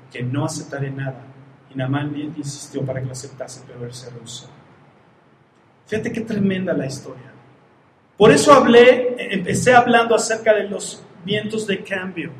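A lively male preacher retells Bible stories, raising his pitched-up voice to act out the characters. He teases the congregation between readings. The echoey hall carries a faint hiss behind him. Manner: animated, acts out characters, jokes with congregation. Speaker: pastor.

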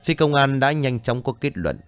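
A man narrating a ghost story in a dramatic, expressive storytelling manner. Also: mid-range voice, normal speed, smooth, no echo, faint music behind.

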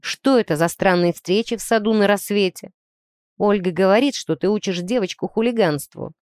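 A woman's voice: medium pitch, normal speed, a little mellow, no echo, clean studio sound, lightly acted. A woman reading aloud, voicing a stern grown man who scolds his nephew in a strict, reproachful way. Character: stern adult man, an uncle.

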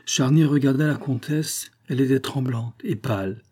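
A man narrating a classic novel as an audiobook in a measured, dramatic reading. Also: mid-range voice, dark tone.

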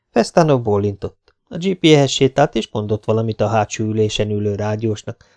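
A man reading an audiobook as narrator, with steady storytelling. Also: medium pitch, gravelly. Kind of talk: scripted narration.

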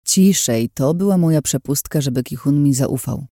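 A man voicing a brooding, remorseful young man in an audiobook, speaking in a low, weary, confiding way. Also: normal speed, warm tone, no room sound, clean studio sound, close to an everyday voice. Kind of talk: audiobook character voice.

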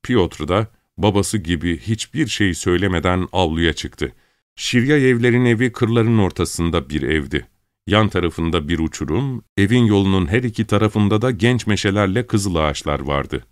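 A man reading a short story aloud in a steady, measured storybook narration. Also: deep voice, no echo, studio quality. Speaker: audiobook reader.

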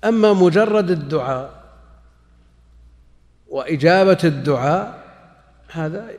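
A man giving a religious lecture, explaining hadith commentary in a measured way and repeating phrases as he goes. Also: a little high, lively intonation, a little mellow, in a large hall. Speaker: Islamic scholar.

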